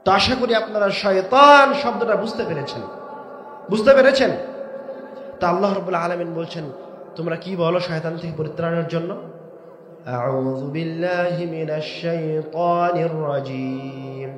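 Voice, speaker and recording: A man preaching a waz sermon, swinging between shouted emphasis and low drawn-out words, with rhetorical questions to the crowd. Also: reverberant, slight background noise. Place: large outdoor religious gathering.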